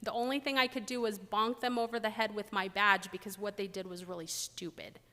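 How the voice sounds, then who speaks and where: Middle-aged woman presenter, blunt and joking, bright edge, echoing conference hall. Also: mid-range voice, brisk. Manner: blunt, joking, animated storytelling. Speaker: air safety investigator giving a presentation. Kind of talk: conference talk.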